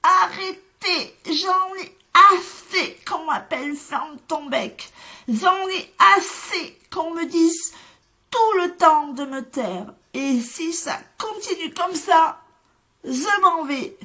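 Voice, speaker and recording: A woman reading a storybook aloud, voicing a small, outspoken young chick with a high child-like voice. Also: slow, sharp tone, heavily acted. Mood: upset. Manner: bold questioning, then upset pleading.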